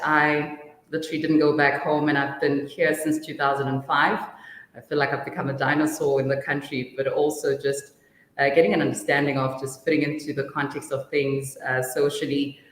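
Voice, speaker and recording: A woman's voice: deep voice, a bit bright. A woman in her thirties from Zimbabwe, a marketing director talking casually as an interview guest, chatty with frequent fillers. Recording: echoey room with long reverb.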